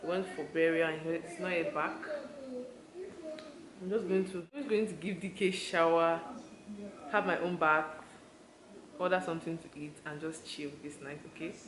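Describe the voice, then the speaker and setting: With a crowd audible in the background, a young Nigerian woman vlogs to her camera in a hotel room, speaking in a low voice at a moderate pace with long pauses. Her Nigerian-accented chat is relaxed and run-on. A handheld camera mic at arm's length gives roomy audio with clear background noise.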